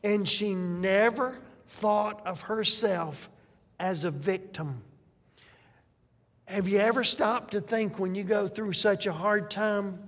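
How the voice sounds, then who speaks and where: Older preacher with a high, unhurried voice. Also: male voice, fairly bright tone. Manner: conversational, with rhetorical questions to the congregation. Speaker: pastor. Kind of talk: sermon. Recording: long reverb of a large hall.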